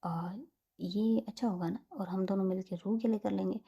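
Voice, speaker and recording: A woman's voice: mid-range voice, steady tone, moderate pace, gravelly, dark tone, breathy edge, muffled recording. A woman storyteller voicing a shy young mother who speaks a little raised and hesitant, with fillers.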